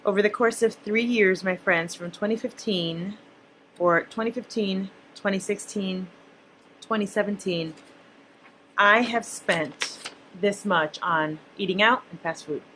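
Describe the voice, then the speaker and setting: A woman's voice: medium pitch, unhurried, fairly bright tone, a little hiss or hum, rough recording. A young woman, a mother, vlogging about her spending in a chatty, blunt, casual way to her viewers. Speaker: personal finance vlogger, mother. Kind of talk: casual talk to camera.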